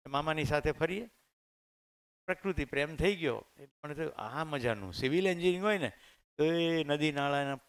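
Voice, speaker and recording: A middle-aged man speaks with a clear, resonant voice and a Gujarati accent. He tells anecdotes conversationally to teachers in a training hall, speaking into a microphone. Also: medium pitch, a bit bright. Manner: conversational, anecdotal, addresses audience directly. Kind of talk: storytelling talk to teachers. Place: training hall with live audience.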